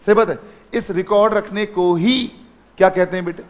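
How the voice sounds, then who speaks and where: A high-pitched man teaches accounting. He fires questions at his students, then repeats the answers himself in a call-and-response rhythm. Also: fairly even intonation, moderate pace. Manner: calls students son, asks and repeats answers. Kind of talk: classroom lecture.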